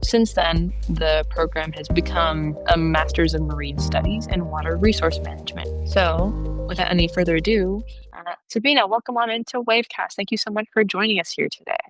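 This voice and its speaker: Low-pitched woman hosting a podcast. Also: fairly even intonation, fairly quick, music in the background. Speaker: podcast host. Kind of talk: podcast interview.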